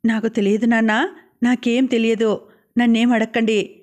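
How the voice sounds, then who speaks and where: A woman's voice: on the high side, level tone, moderate pace, a little mellow, close to an everyday voice. A woman reading as an anguished young husband. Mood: distressed. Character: troubled young husband, the son.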